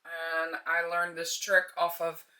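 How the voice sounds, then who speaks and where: A woman's voice: lowish voice, completely flat delivery, takes it slowly, sharp tone. A middle-aged woman casually talking through her home DIY plans, rambling with ums and restarts, recorded in her own house. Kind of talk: casual chatty vlog. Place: her home, kitchen and bedroom.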